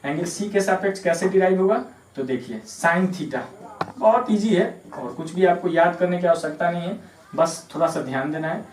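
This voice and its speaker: A man's voice: high-pitched, normal speed, darkish tone. A man from Bihar teaching a maths lesson at a board, patiently repeating terms and spelling words out letter by letter. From Bihar, India. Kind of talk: classroom lesson explaining at a board. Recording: echoey room, voice from a distance.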